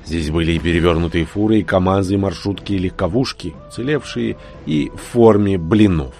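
A man's voice: low-pitched, a little fast, vocal fry, mellow. A man reading an audiobook in scripted narration, doing all the characters himself.

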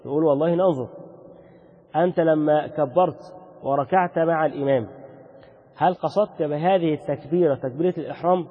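A man's voice: a little high, fairly quick, long pauses, breathy edge. A man with an Egyptian Arabic accent teaching Islamic law. He explains each point, asks questions and then answers them himself. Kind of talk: religious lesson. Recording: dull lo-fi recording with long reverb.

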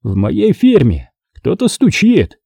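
A man's voice: sits high, very animated, moderate pace, slightly rough, dry recording, clean studio sound, pitched above the performer's own voice, full character voice. A man voicing a snarling, raging gang boss. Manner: snarling, yelling threats in bursts. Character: furious volatile male gang boss, middle-aged.

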